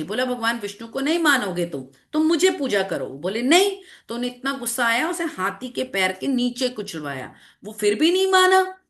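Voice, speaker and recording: A woman teacher telling a scripture story to children in an online class, animated and asking them questions as she goes. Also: a little high. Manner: animated, repeats phrases, asks children questions. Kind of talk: storytelling lesson to children with slides.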